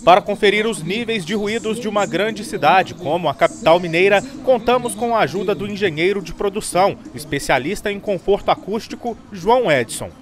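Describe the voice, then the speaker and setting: A man narrating a news report in a measured, informative way. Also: sits high, lively intonation.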